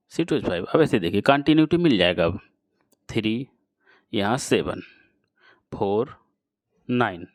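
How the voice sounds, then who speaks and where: A man teaching a chemistry lesson to students, explaining slowly and repeating key phrases as he addresses the class directly. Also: on the low side, dry recording, clean studio sound. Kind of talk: classroom lecture.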